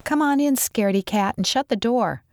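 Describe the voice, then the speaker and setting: A woman's voice: fairly high pitch, normal speed, no echo, studio quality, pitched above the performer's own voice, natural voice. A woman reading aloud, voicing a bold, fearless and curious girl who teases her scared friend. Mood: teasing. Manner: teasing, excited.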